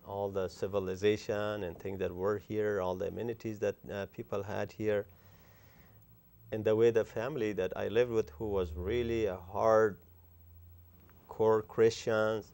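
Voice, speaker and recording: Older man from Afghanistan, earnest and effusive, low voice, gravelly, smooth, halting fillers. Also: level tone, darkish tone. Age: 60s. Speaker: guest author. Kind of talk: interview conversation.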